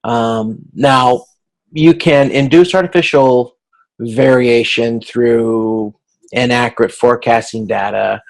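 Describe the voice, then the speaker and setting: An instructor gives class feedback in an informal recorded lecture, explaining things in a halting, conversational manner. He has a gravelly, mid-range voice with a steady tone.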